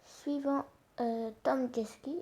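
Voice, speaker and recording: High-voiced hesitant woman gaming on phone. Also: fairly even intonation, warm tone. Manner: hesitant, halting, many self-corrections. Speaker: gaming channel host. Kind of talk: casual mobile gaming commentary. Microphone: phone screen recorder mic.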